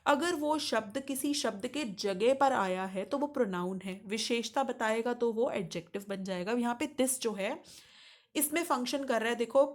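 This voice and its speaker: A woman's voice: fairly high pitch, normal speed. A young Indian woman teaching grammar, explaining step by step and answering her own questions. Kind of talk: grammar lesson mixing Hindi and English.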